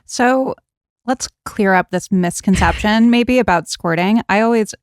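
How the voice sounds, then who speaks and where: A woman's voice: mid-range voice, a little slow, no room sound, clean studio sound. A woman hosting a podcast interview, asking curious questions and encouraging her guest with frequent affirmations. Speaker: podcast host. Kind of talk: casual interview chat.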